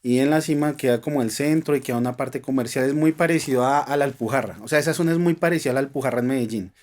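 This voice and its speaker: A man's voice: mid-range voice, very fast. Earnest Colombian man telling his story. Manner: earnest, emotional, speaks of faith, drops to soft tones at tense moments. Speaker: guest. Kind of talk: personal storytelling in a podcast interview.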